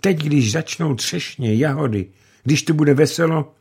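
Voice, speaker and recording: A man voicing a young boy in a storybook, talking in a bright, pleading way. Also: on the high side, vocal fry, breathy edge, voice pushed up. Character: young boy, eager and sulky.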